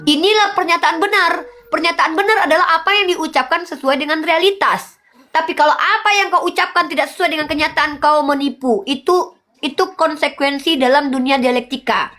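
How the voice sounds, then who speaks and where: A woman's voice: high-pitched, fairly quick, sharp tone. A woman arguing in a heated debate, lecturing insistently and pressing the same questions again and again.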